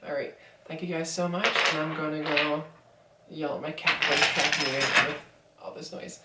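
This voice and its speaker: A woman's voice: deep voice, fairly even intonation, normal speed, far from the mic, very noisy. A young woman in her twenties telling a story in a casual vlog, rambling with lots of fillers. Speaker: vlogger. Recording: echoey room, voice from off mic.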